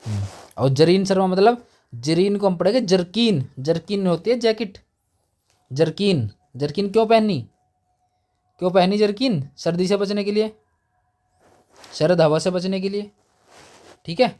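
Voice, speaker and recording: A man's voice: high voice, animated, unhurried, long pauses, mellow. Man teaching playful memory tricks. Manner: explains memory tricks with playful rhymes and acted quotes. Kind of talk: exam mnemonic lesson.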